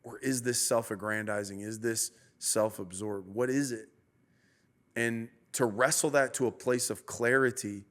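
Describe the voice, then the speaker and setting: A man's voice: mid-range voice, steady tone, unhurried, a bit bright. A man, a pastor hosting a podcast, talking through his thoughts in an earnest, preacherly way and asking himself rhetorical questions. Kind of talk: reflective conversational podcast talk.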